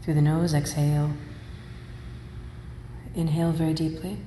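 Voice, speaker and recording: A woman teacher leading a guided meditation, speaking in slow, measured, soothing instructions with long pauses. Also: sits low, level tone, dark tone. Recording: roomy hall reverb, faint noise.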